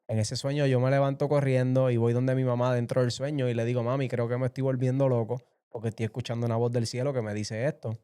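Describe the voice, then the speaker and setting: A man's voice: mid-range voice, level tone, fast talker, hardly any pauses, warm tone, clean tone. Man telling a vivid testimony. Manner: vivid storytelling, acts out quoted voices. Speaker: interview guest sharing testimony. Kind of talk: emotional personal testimony.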